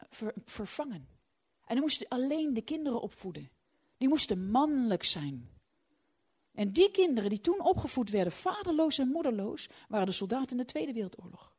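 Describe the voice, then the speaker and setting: A middle-aged woman delivers a sermon in a husky, breathy voice that rides up and down with lively pitch. She is emphatic, bursting out loud on some lines and dropping to hushed, halting restarts on others. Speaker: preacher.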